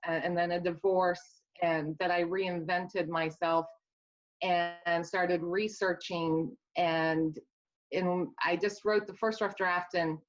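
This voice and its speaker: A woman's voice: lowish voice, steady tone, takes it slowly. A woman with a Midwestern accent, an author talking earnestly about her work in a casual interview, rambling a little with restarts. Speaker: author guest. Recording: dull lo-fi sound.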